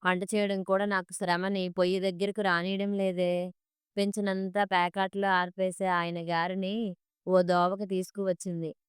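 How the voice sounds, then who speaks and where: A woman voicing a sharp-tongued middle-aged mother-in-law who complains and scolds in a storybook monologue. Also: medium pitch, flat delivery, moderate pace, clean tone, no echo, studio quality, lightly acted. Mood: regretful.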